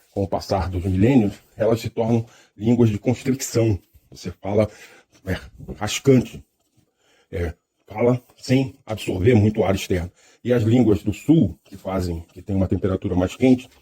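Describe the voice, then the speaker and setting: Speaking in a fairly low, dark voice with a breathy edge, this Brazilian Portuguese-accented man gives a thoughtful, lecture-like reflection. He hesitates and frequently restarts his sentences.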